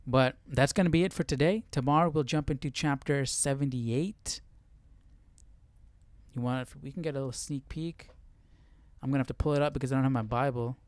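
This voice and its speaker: A man hosts a Bible study livestream, giving casual commentary on scripture to viewers and checking in with rhetorical questions. His mid-range voice moves fairly quickly, recorded dry.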